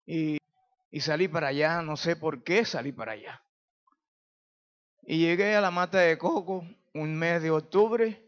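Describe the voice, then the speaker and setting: A man's voice: on the high side, unhurried, long pauses, highs cut off. A man in his sixties from Venezuela, a pastor giving a fervent, emotional personal testimony full of praise exclamations. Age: 60s.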